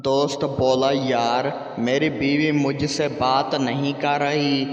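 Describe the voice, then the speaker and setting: A man reading a string of short jokes aloud in a slow, even delivery. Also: mid-range voice. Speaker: joke reader. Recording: echoey long reverb, dull lo-fi.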